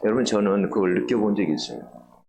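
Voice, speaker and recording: A middle-aged man preaching a sermon, telling a personal story earnestly and rising higher and louder to stress key points. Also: fairly quick, slight background noise. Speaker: pastor. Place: church sanctuary.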